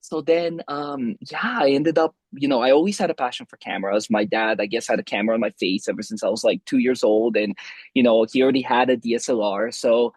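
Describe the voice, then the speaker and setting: A man in his twenties tells his story as a podcast guest, his voice a little husky. He talks loosely and rambles, restarting sentences and filling pauses. The sound is dry and close. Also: medium pitch, fairly even intonation, a little mellow, no echo. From Romania. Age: 20s. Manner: rambling, many restarts and fillers. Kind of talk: casual interview chat.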